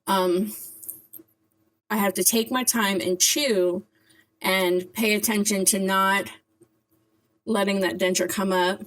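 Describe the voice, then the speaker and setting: A woman talking casually to camera in a vlog, articulating carefully around dentures, with a slight lisp and hard, whistling S sounds. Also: medium pitch. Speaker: vlogger.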